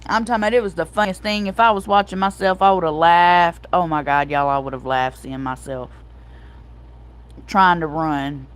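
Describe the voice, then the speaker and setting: Middle-aged female host, casual livestream chat, lively storyteller. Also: lowish voice, moderate pace. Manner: animated storytelling, addresses viewers as y'all.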